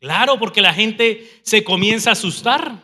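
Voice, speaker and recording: A male pastor preaching a sermon, calling on the congregation to repeat after him and acting out scenes with lively mimicry. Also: high-pitched, moderate pace, very noisy. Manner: preaches with call-and-response to the congregation; animated, mimics people speaking in tongues.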